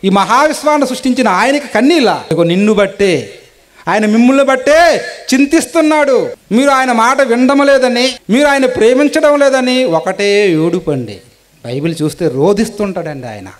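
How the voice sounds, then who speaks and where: A man preaching a sermon, politely asking his listeners question after question and swinging between raised and hushed delivery. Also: high-pitched, animated, a little fast. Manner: polite, asks the listeners many rhetorical questions.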